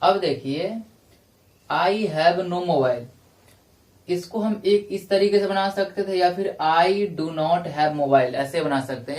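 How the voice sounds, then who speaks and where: A male English teacher giving a classroom lecture, explaining grammar rules step by step and repeating each example slowly. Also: fairly high pitch. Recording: echoey room, voice from a distance.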